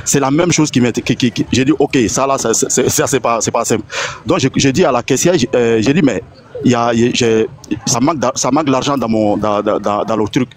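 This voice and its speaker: A man on a live audio chat, excitedly recounting a bank incident as a testimony, acting out the other people with a rising voice and many restarts. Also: medium pitch, fairly quick. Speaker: caller giving a testimony.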